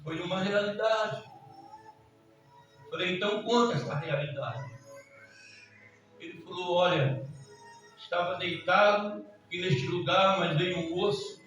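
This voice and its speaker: A Brazilian man preaching a fiery Pentecostal sermon as pastor, swinging from hushed storytelling to shouted exhortation with frequent hallelujahs. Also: sits high, a little slow, highs cut off, faint music behind. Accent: Brazilian Portuguese. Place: church sanctuary. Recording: very echoey church from far off.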